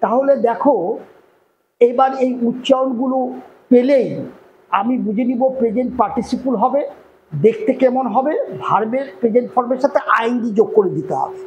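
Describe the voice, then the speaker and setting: A man teaching an online grammar lesson with a Bengali accent, explaining step by step and often checking whether the point is clear. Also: very high voice, moderate pace, darkish tone, a little hiss or hum, rough recording.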